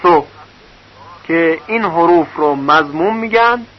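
Patient male teacher with a high voice, sounding out syllables slowly in a recorded lesson; muffled, lo-fi sound. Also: animated. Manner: patient, spells out syllables one by one. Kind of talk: recorded lesson on reading vowel marks. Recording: dull lo-fi recording.

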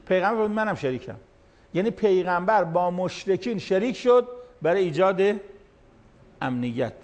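A cleric in his late 60s delivers a sermon-style lecture to an audience of managers, going through verses line by line in plain language. His voice is high, expressive and a little mellow.

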